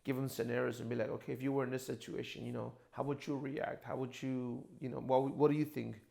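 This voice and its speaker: Man, 30s, documentary interview, explanatory, heavy vocal fry, flat pitch. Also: fast. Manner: explanatory, loose with fillers like "you know". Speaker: program associate.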